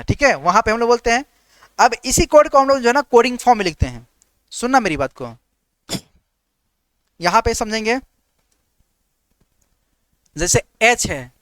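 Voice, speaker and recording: A man teaching an exam-prep reasoning class online, firing quick questions about letter positions and answering them himself in a steady call-and-response drill. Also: high voice, clear, resonant tone, no room sound. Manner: repeats "ठीक है" as a filler. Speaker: reasoning teacher for government exams.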